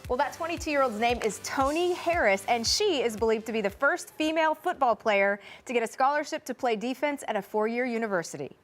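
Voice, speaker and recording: A woman's voice: fairly high pitch, animated, a little fast, hardly any pauses, soft background music. A woman reporter introducing and closing a sports story live in an upbeat way. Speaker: field reporter.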